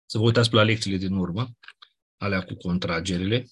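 Husky low-voiced man teaching a grammar lesson. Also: steady tone. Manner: explanatory, colloquial asides, checks with "nu?". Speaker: Greek teacher. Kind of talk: classroom lecture on Ancient Greek grammar.

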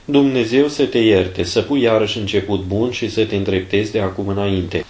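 A man voicing an older abbot, stern yet fatherly, who speaks in measured, admonishing words in a storybook reading. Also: lowish voice, steady tone, darkish tone, roomy sound, close to an everyday voice.

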